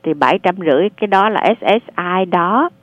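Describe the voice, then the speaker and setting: A woman advising callers on a radio call-in show, explaining benefits in a patient, measured way. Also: fairly low pitch, dry recording. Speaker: radio advisor on social services. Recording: narrow phone-like sound.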